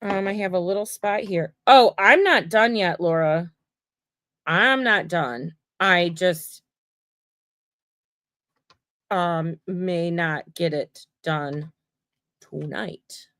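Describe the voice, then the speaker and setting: A woman's voice: on the low side, slow, pauses often, a bit bright, no echo, clean studio sound. A woman mosaic artist hosting a livestream, chatting casually and rambling to viewers while she works. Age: adult. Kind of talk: casual chat while crafting.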